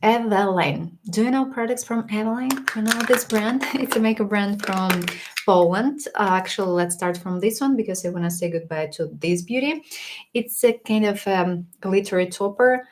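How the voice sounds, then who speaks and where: A woman's voice: mid-range voice, moderate pace, noisy background. Chatty woman reviewing makeup, voice a bit worn. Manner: chatty and frank, with small laughs and restarts. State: slightly losing her voice. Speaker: makeup livestream host. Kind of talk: casual product review on a livestream.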